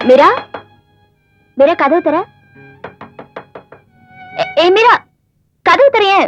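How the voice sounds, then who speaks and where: An anxious young village wife. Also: female voice, extremely high pitch, expressive, extremely slow, full character voice. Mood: sharp. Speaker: wife in a film. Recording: dry, dull film track with music.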